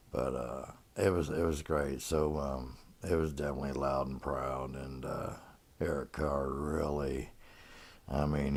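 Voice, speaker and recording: A man's voice: extremely low pitch, creaky, a little mellow, no room sound. A middle-aged man casually telling rambling stories from his past, with lots of fillers and restarts. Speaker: storyteller. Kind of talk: casual spoken reminiscence.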